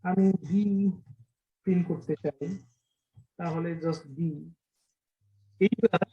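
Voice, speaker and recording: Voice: medium pitch, fairly even intonation, slow pace, lo-fi sound. A programming teacher giving an online class lesson, explaining by stringing several synonyms together and often checking in with the class. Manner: asks the class frequent check questions.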